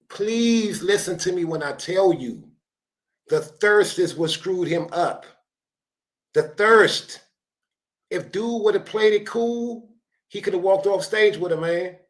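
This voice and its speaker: Animated, preachy man in a roomy echo. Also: high-pitched. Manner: preachy, slangy advice with loud bursts. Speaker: show host reacting to a dating clip. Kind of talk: animated reaction commentary.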